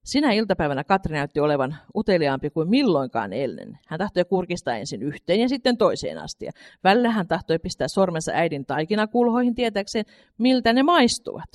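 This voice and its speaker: A woman reading a children's story aloud, unpolished, stumbling now and then and correcting herself. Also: low voice. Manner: unpolished reading with slips and restarts.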